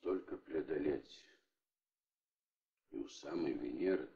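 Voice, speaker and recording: An actor playing a middle-aged spaceship commander in a 1960s film drama, grave, restrained and weighty. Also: male voice, a bass voice, slow, vocal fry, warm tone, heavily acted. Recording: dull, roomy old film sound, hiss.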